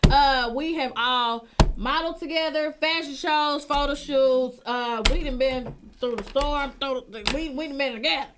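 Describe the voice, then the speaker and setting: A woman hosting a casual live internet radio show, chatty and excitable, repeating herself and giving listeners shout-outs. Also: high-pitched, normal speed, noisy background. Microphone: studio microphone.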